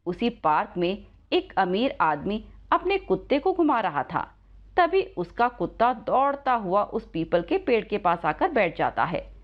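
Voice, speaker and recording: A woman telling a moral story with lively, expressive narration. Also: medium pitch, highs cut off.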